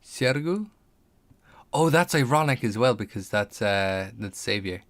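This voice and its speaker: A man's voice: medium pitch, animated, a little slow, fairly bright tone. A man chatting casually on a live stream while building a tabletop game character, thinking aloud over names and details and answering viewers. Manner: chats back to viewers' comments.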